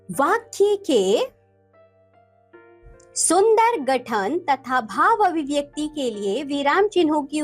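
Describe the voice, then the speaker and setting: A young woman teaches a textbook lesson to children, calling out to them as she goes and stressing each example she reads. Her voice sits high and swings widely in pitch. Soft music plays faintly underneath. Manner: addresses children warmly, reads examples aloud with emphasis.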